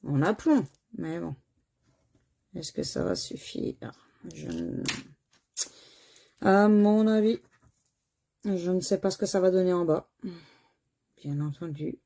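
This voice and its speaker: A French scratch-card host talks casually as she works through lottery tickets, spelling letters out one by one. Her fairly low, mellow voice is animated yet slow, and she pauses often.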